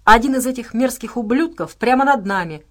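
A woman's voice: fairly high pitch, animated, slow, a bit bright, voice pushed up. A woman voicing a tense male soldier leader who speaks with urgent alarm.

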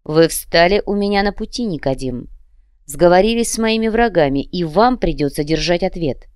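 For an audiobook, a woman voices a polite yet menacing male demon commissar who threatens with cold courtesy. Her voice is on the low side and darkish with lively intonation at normal speed, natural and recorded dry in a clean studio.

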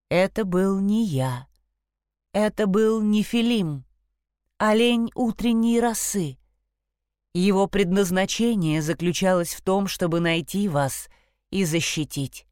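Storybook role: a woman reading a low, solemn old-forest stag, unhurried. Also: animated, a little mellow, smooth, no echo, clean studio sound. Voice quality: low, slow, grave.

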